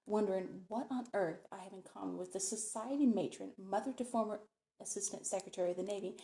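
A woman librarian reads a novel chapter aloud. Her narration is measured and expressive, in a mid-range voice. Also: medium pitch. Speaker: librarian reading a book chapter. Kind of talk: book reading aloud.

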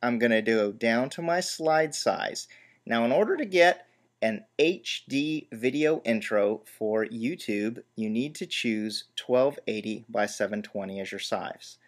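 Man, relaxed tutorial host, walks through steps plainly with dry little asides. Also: mid-range voice, measured pace. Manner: step-by-step, relaxed, self-deprecating asides. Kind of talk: screen-recorded software tutorial.

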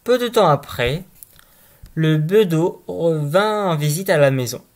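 Man calmly reading a fairy tale. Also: fairly high pitch, a little slow. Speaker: storyteller.

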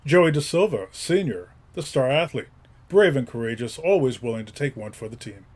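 A male narrator reading out character introductions in short, crisp phrases. His voice is husky and a little breathy, at an ordinary mid pitch. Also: lively intonation, normal speed, darkish tone. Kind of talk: scripted narration.

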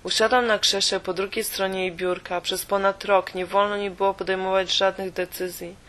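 A woman reading a first-person audiobook in a steady, measured way. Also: medium pitch. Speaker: audiobook reader.

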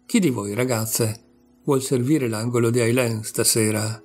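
A man's voice: mid-range voice, steady tone, measured pace, a little mellow, husky, soft background music. A man voicing a kindly restaurant-owner chef. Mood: coaxing.

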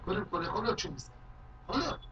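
High, piercing rabbi teaching from afar. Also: male voice, a little hiss or hum. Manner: animated, acts out quoted shouts and cries. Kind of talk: Talmud lesson with storytelling. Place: study hall. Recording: distant, dull lo-fi hall recording.

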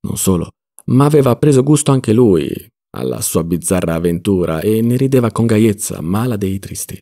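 Male audiobook narrator; dark, gravelly, lively and dramatic delivery. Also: on the low side, normal speed. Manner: expressive, dramatic reading. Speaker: audiobook reader.

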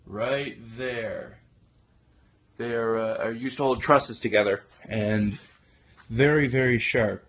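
A man's voice: medium pitch, slow pace, fairly bright tone, lo-fi sound, a little hiss or hum. A young man from Canada talking casually into his phone camera, wry and rambling with lots of fillers and restarts. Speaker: vlogger. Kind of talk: casual vlog narration. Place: garage, then a barn wrestling show.

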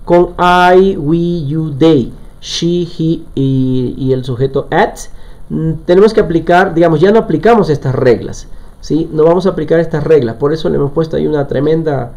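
A man's voice: fairly high pitch, normal speed, a little mellow. A man teaching a live online language lesson, explaining step by step and often checking in with his students. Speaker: English teacher.

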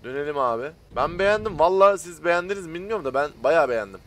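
A man speaking with a Turkish accent, giving casual, excitable gameplay commentary and chatting to his viewers as friends. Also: fairly high pitch, fast talker, slight background noise. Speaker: gaming YouTuber.

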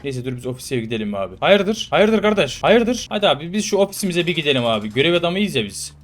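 A man playing a prison game and chatting casually over it, playful and slangy, now and then shouting loudly at the characters. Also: medium pitch, sing-song, racing. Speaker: gaming YouTuber. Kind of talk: casual let's-play commentary.

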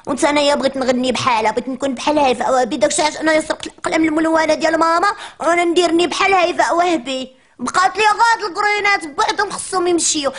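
Woman doing a cheeky Moroccan preschool girl, very high voice, fast whiny chatter, comic monologue. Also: a bit bright. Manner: whiny complaining childish chatter.

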